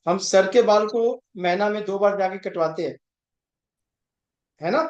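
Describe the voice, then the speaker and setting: A man's voice: high-pitched, a little slow, highs cut off. A man teaching an astrology class in a conversational way, stressing points and often asking if students follow, with English terms mixed in. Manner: emphatic, keeps checking understanding; mixes English terms into Hindi. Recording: roomy echo.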